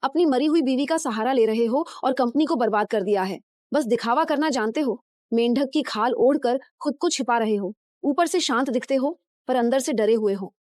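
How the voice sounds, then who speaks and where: A wronged young heiress confronts her betrayers in a high, cutting voice, played by a woman. The lines of this dubbed drama sound dry and close, and every word accuses. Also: moderate pace, a little mellow, dry recording, natural voice. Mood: accusing. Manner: cold, accusing. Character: wronged wealthy young heiress seeking revenge.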